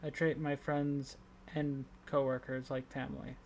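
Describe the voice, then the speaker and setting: A man playing a loyal young male character in a tabletop role-play, speaking in a casual, halting, sincere way. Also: mid-range voice, little pitch movement, creaky, slight background noise.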